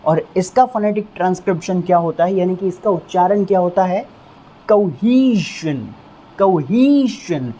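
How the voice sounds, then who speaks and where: Mellow-voiced man teaching vocabulary. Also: high-pitched, fairly even intonation. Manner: explains patiently, drills words with slow repetitions. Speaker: English teacher. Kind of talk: Hindi-medium English vocabulary lesson.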